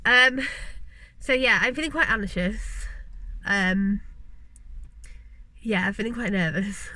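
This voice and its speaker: Bright-voiced Yorkshire woman vlogging. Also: mid-range voice, slow, no echo, poor audio. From West Yorkshire, England. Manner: chatty and earnest, frequent ums and tangents. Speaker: vlogger, mature law student. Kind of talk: casual talking-to-camera vlog.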